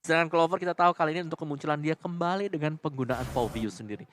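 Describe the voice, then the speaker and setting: Casting: male esports analyst, rapid delivery, highish voice, Indonesian accent, noisy live feed. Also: fairly bright tone. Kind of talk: live analytical game commentary.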